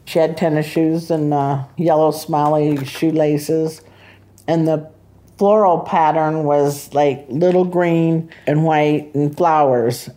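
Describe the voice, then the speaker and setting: Slow-talking woman recalling the past. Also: sits low, fairly even intonation, dark tone. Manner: slow, plain-spoken recounting with fillers. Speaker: interviewee, mother recalling events. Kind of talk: personal recollection interview.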